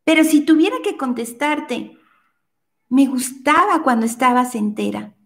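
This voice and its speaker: A woman voicing a polite, indifferent man who talks calmly and matter-of-factly. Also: high-pitched, measured pace, gravelly, full character voice.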